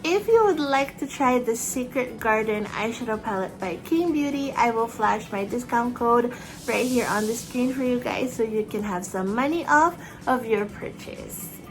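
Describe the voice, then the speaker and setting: The audio is poor, with soft music underneath, as a young makeup vlogger with a Filipino accent talks at normal speed in an expressive, high-leaning voice. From a small bedroom decorated with fairy lights, she narrates a casual tutorial, bubbly and chatty while applying makeup.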